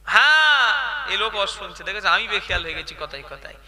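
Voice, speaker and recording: A man's voice: high-pitched, sing-song, fairly quick, sharp tone, in a large hall. A man preaching a waz sermon, chatty and quizzing the crowd with questions.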